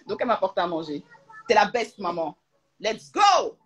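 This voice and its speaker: Lively young woman chatting on a live stream. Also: lowish voice, quick pace, breathy edge, low-quality recording. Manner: animated, slangy and joking, chatty asides. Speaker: social media creator on a live stream. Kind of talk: casual live-stream chat. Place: at home, in a room with a closed door.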